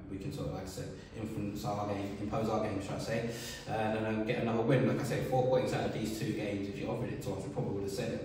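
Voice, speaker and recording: A man, a football manager giving a relaxed post-match interview full of fillers. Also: fairly low pitch, a little hiss or hum. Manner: relaxed, many fillers and "sort of". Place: bare indoor room by a wall, seated. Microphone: camera a few feet away. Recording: echoey room from far off.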